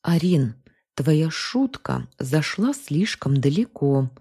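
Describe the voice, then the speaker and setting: A woman doing a quietly reproachful older sister. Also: sits low, sing-song, slow, husky, full character voice. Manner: soft, reproachful.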